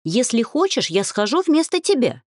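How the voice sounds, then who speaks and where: A woman voicing an excitable young female dryad who talks in shrill, indignant outbursts. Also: normal speed, dry recording, clean studio sound. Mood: excited.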